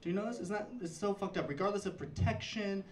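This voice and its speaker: A man's voice: sits high, fast talker, a little hiss or hum. A young man doing a campy, self-mocking stand-up set, with a punchy delivery and audience laughter behind him. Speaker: stand-up comedian. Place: comedy club. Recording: roomy club sound from far off.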